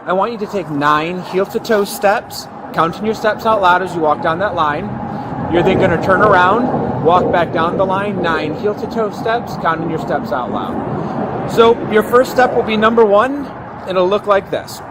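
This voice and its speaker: A man's voice: high-pitched, moderate pace. A male police officer giving methodical step-by-step instructions and checking understanding, recorded outdoors on a body camera with traffic noise. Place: outdoors at a roadside near a patrol car. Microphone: body camera worn on the officer. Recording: noisy outdoor bodycam audio with traffic.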